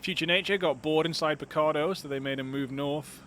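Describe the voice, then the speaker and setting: Chatty solo esports caster, faint hiss. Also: male voice, fairly high pitch, fairly quick, fairly bright tone. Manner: chatty, rambling, self-deprecating asides. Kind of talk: solo game commentary.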